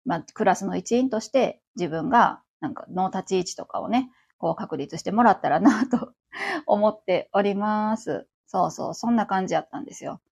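A woman's voice: medium pitch, animated, moderate pace, vocal fry, darkish tone, breathy edge. A woman around forty with a Kansai accent, chatting on her own as host of a livestream radio show, rambling along with many fillers. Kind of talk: casual solo chat.

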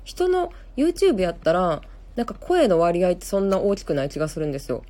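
Chatty Kansai woman, mellow low voice. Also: animated, brisk. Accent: Kansai Japanese. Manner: chatty, rambling, many fillers and self-corrections. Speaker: live-stream host. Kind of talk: casual live-stream chat reading viewer comments.

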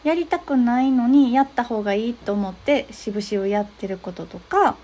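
A young woman talking through advice in a gentle, step-by-step way, often pausing on soft fillers. Her voice is fairly high, with a dark, mellow tone. There is a breathy, husky edge to it. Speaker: podcast host giving advice to therapists. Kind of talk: casual advice talk.

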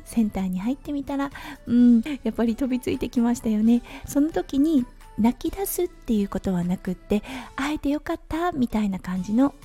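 A woman in her thirties hosting her own talk podcast, telling stories in a gentle, chatty way with soft fillers. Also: fairly high pitch, expressive, fairly quick, hardly any pauses, husky, faint music behind. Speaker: podcast host. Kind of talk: casual solo talk radio.

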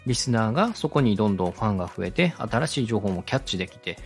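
A podcast host and radio director who teaches podcast making explains things step by step in a polite manner. His voice sits fairly low and he talks fast and with animation, with soft music playing behind him.

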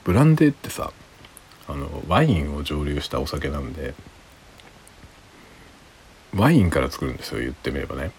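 Tipsy male streamer, very low pitch, lively intonation, quiet rambling late-night chat. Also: normal speed, pauses often, a little hiss or hum. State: drinking alcohol, tipsy. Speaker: livestream host.

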